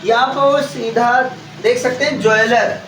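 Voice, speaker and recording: A man teaching a class, spelling words out letter by letter and often asking the students if it is clear. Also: very high-pitched, fairly even intonation, measured pace, a bit bright, slight background noise. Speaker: English teacher. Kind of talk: classroom lesson with call and response. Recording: roomy classroom audio from a distance.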